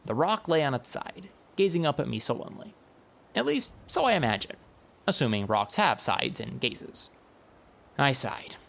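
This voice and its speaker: A man reads a comic fantasy audiobook told in the first person, spinning the tale wryly and expressively. His gravelly, mid-range voice moves at a normal speed.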